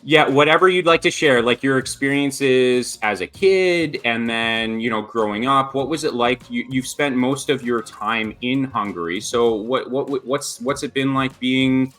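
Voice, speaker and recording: A man's voice: mid-range voice, unhurried, hardly any pauses, a bit bright. A man hosting a podcast interview, upbeat and chatty, often restarting his sentences as he rambles toward his questions. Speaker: podcast host.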